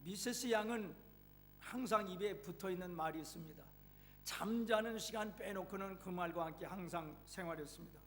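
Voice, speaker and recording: A male pastor with a high-pitched voice tells a sermon story with dramatic flair. His voice rings in a church hall with a long reverb. A faint hum runs underneath. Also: moderate pace.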